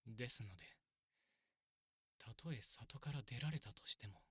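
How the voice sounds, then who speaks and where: A man playing a kindly, long-lived elf priest in an ASMR role-play, very polite, soft and measured. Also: mid-range voice, animated, breathy edge, no echo, clean studio sound, exaggerated voice. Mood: troubled.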